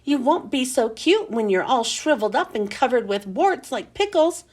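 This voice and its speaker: A woman's voice: high-pitched, expressive, moderate pace, a little mellow. A woman doing a snappish, unhinged schoolteacher. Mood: menacing. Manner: barking, scolding, menacing. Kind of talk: storybook read-aloud.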